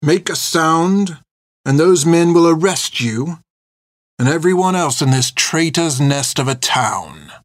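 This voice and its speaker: A man voicing a cruel, gloating scarred male soldier who speaks low and sneering, slightly raised from his own voice. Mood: menacing. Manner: low, sneering, drawn-out delivery.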